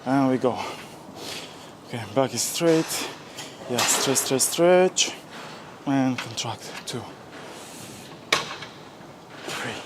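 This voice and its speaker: A man's voice: medium pitch, slow, long pauses, heavy background noise. A man vlogging his leg workout in a gym, casually explaining his sets and pushing himself on, at times out of breath. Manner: self-motivating, talks between sets. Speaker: fitness vlogger. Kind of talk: casual workout vlog talk.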